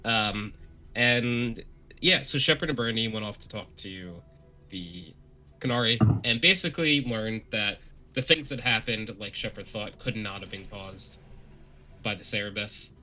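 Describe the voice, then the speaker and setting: A man's voice: lowish voice, measured pace, pushed and bright. A man giving a rambling, casual recap of a tabletop game session, with many fillers.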